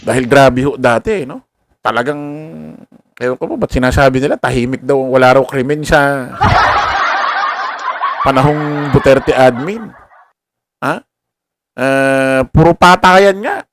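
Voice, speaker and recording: A man's voice: mid-range voice, a little slow, long pauses, slight background noise. A man giving casual political commentary to viewers, mocking and laughing, full of rhetorical questions. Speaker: commentary vlogger.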